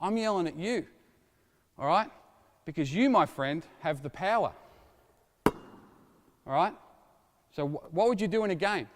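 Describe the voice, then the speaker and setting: A middle-aged man coaching a basketball drill, calling out instructions and explaining to watching coaches in an energetic, lively way. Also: sits high, unhurried, pauses often, background noise. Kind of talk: coaching clinic demonstration. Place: indoor basketball court. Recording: long reverb of a large gym.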